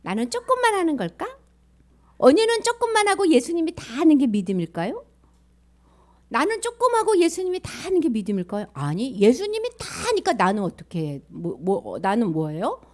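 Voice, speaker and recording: A woman leading a children's sermon, telling a story in an animated way and asking the children questions. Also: sits high, brisk.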